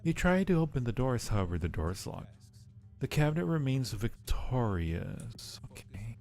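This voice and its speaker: A man with a gravelly, darkish mid-range voice swings widely in pitch and talks at a moderate pace. As a live streamer playing a horror game, he chats playfully with his viewers, mutters to himself, and reads on-screen text aloud, with game music underneath.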